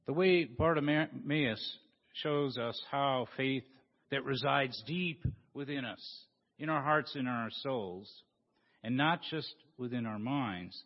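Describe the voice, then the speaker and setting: A male pastor preaching an emphatic sermon in a church sanctuary. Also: mid-range voice. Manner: slow, lively, emphatic preaching. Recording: dull recording with long church reverb.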